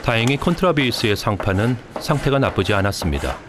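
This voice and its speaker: A man giving calm, explanatory scripted documentary narration as a voice-over. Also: lowish voice, fast talker, noisy background. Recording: voice-over with loud music behind.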